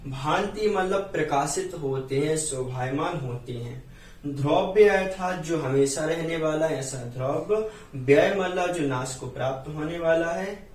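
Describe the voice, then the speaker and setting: A man with a Hindi accent teaching a Sanskrit hymn, explaining each word and chanting the verses slowly. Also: a little high. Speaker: Jain scripture teacher. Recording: roomy echo, distant from mic.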